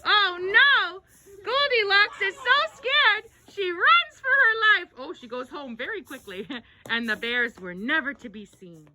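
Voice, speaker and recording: A woman's voice: very high-pitched, very animated, measured pace, sharp tone, slight background noise. A woman narrating a children's storybook tale aloud, with dramatic exclamations and gasps.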